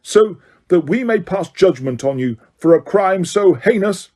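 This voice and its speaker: A man's voice: sits high, animated, unhurried, a little mellow, voice pushed up. A man voicing a stern, hateful judge who bellows his commands. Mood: stern, furious.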